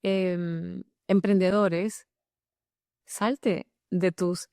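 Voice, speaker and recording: A woman's voice: on the low side, drawn-out words, smooth, dry recording. Enthusiastic Dominican woman, dry close sound. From Dominican Republic. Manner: animated and enthusiastic, with fillers and restarts. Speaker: guest. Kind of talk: casual interview conversation.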